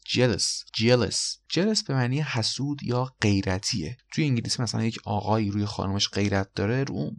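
A man teaching English vocabulary, explaining each word patiently and repeating words slowly for pronunciation. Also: lowish voice, creaky, no room sound. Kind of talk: vocabulary lesson.

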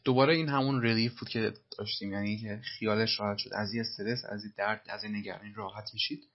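A low, husky-voiced man patiently explains English film phrases, saying each line slowly and then translating it. The recording sounds dull and lo-fi. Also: fairly even intonation. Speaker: English teacher.

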